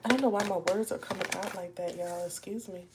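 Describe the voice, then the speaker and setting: A woman's voice: fairly low pitch, steady tone, fairly quick, very noisy. A woman giving a live tarot reading, chatting with viewers and calling them y'all and baby. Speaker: tarot reader.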